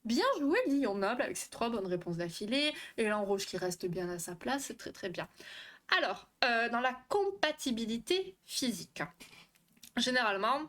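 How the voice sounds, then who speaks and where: A young woman hosting a casual live stream, chatty and quick to swear, often tripping over her words while she answers the chat. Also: fairly high pitch, animated, a bit bright. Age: young adult. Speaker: livestream host on relationships.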